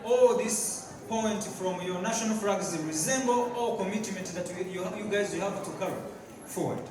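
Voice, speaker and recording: Guest speaker, man, halting speech with repeats, crowd noise behind. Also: high-pitched. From Tanzania. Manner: halting, with fillers and repeated words. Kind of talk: public speech. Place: large hall at a community event. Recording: echoey hall, distant mic, crowd.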